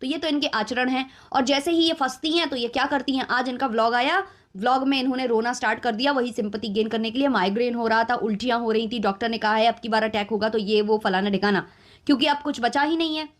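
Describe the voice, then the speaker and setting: A woman's voice: a little high, fast talker. A woman hosting a commentary channel, talking in a scolding, sarcastic way with many rhetorical questions. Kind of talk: opinionated reaction commentary.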